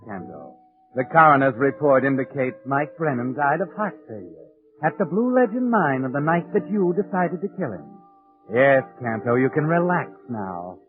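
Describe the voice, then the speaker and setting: In a tinny 1940s radio recording with music, a male actor with a natural, medium-pitched voice plays a sinister, knowing narrator. Speaking in the second person, he insinuatingly and dramatically taunts the guilty man in this suspense thriller.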